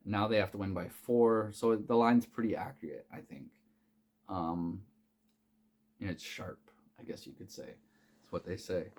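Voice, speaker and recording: Man, low-pitched, casual betting picks talk, rambling, swears a lot, hiccuping. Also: a little mellow. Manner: rambling, profane, many fillers and restarts. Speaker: sports betting picks host.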